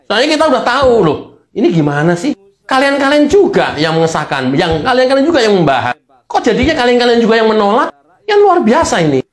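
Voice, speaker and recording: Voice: mid-range voice, a bit bright, echoey room. A political commentator, delivering a heated opinion monologue in an indignant, mocking way, repeating phrases for emphasis.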